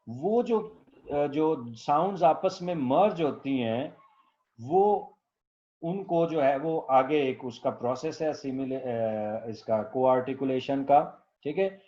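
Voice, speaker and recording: Male professor, classroom lecture, unhurried, mellow voice, lo-fi recording. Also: medium pitch. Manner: slow, patient, keeps checking students understood; dictates definitions very slowly. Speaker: professor teaching linguistics.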